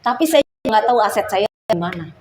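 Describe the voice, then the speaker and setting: A woman's voice: mid-range voice, animated, a little fast, darkish tone, poor audio. Earnest woman giving a church testimony. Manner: earnest storytelling, acts out her prayers. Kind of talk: personal testimony.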